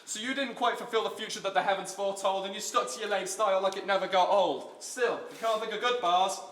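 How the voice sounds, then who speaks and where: Brash battle rapper in a roomy hall. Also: male voice, sits high, fairly even intonation, quick pace, fairly bright tone. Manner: insulting, boastful, crude. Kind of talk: battle rap verse. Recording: roomy and noisy live venue.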